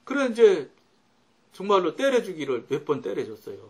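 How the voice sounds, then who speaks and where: 설교하며 자기 경험을 이야기하는 중년 남성 목사로, 목소리를 크게 높였다가 갑자기 낮추며 말한다. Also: male voice, high-pitched, huge pitch swings, moderate pace. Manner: storytelling with sudden loud and soft swings. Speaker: pastor. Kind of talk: sermon.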